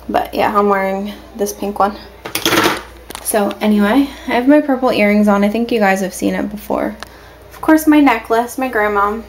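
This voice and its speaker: A woman's voice: on the high side, slight background noise, rough recording. Chatty woman rambling to her camera. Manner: chatty and rambling, with many ums and restarts. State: has the hiccups. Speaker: vlogger. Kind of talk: casual vlog chat. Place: at home, indoors.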